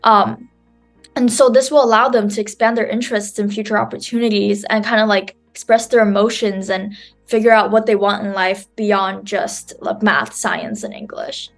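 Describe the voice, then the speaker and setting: A woman student raised in New York gives an online conference talk over a video call. She speaks at an ordinary middle pitch in a loose, chatty way, filling her sentences with "um" and "like". Soft music sits faintly behind her. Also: steady tone, normal speed. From New York City, USA. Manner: chatty, full of "um" and "like" fillers.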